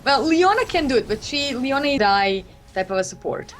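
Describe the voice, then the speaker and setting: A woman's voice: sits high, very animated, moderate pace, faint music behind. A woman co-commentating an esports match, teasing in tone, breaking down the plays. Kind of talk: analytical game commentary.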